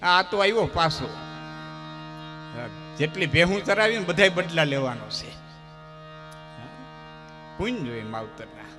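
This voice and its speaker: A man telling folk stories at a live dayro program, using rhythmic repetition that builds into loud declamations. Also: fairly high pitch, animated, slow, pauses often, music in the background. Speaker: folk storyteller.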